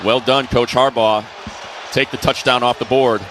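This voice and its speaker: This is a noisy live stadium broadcast in which a man with a steady, mid-range voice calls football play-by-play for radio. He moves at a moderate pace, following each play in clipped phrases, with a crowd audible behind him.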